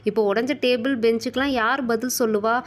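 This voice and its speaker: A woman's voice: a little high, steady tone, quick pace, lightly acted. A woman voicing a strict female schoolteacher in a doll show, scolding her pupils. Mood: stern scolding. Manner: scolding, stern.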